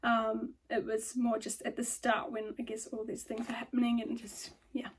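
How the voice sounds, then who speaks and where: A woman's voice: a little high, monotone, moderate pace, slight background noise. A young woman in her twenties chatting casually into her phone in her bedroom, rambling with lots of ums and likes and a little out of breath. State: a bit out of breath. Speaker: vlogger. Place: bedroom by a lamp. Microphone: phone camera.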